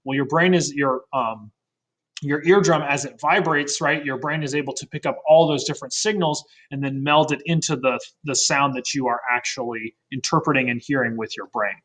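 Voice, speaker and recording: A man's voice: medium pitch, fairly even intonation, normal speed, fairly bright tone. A man teaching a recorded science lesson in a casual way, often adding "right?" and correcting himself mid-sentence. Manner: fillers and self-corrections.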